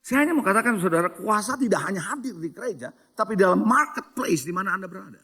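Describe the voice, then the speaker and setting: A middle-aged pastor delivers a sermon in a church hall with a high, expressive voice that sounds pushed and bright with a breathy edge, at a quick pace. He tells stories, asks the congregation questions and works English phrases into his preaching.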